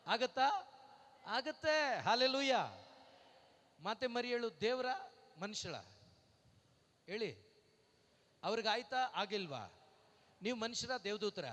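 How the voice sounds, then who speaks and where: High, bright-voiced man preaching in a hall. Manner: rhetorical questions, repeated hallelujahs; breaks into slow sung lines. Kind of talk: Pentecostal-style sermon. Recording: long reverb in a hall.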